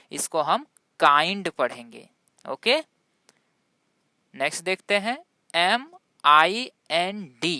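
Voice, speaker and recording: A woman whose first language is Hindi teaches English pronunciation in a classroom-style spoken lesson, spelling words letter by letter and quizzing viewers as she goes. Her voice is fairly low-pitched and sharp, recorded in studio quality with no room sound.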